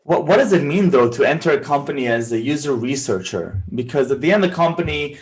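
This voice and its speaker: Enthusiastic and casual, a male podcast host asks questions over a video call, often starting his words over. His medium-pitched voice is expressive and brisk.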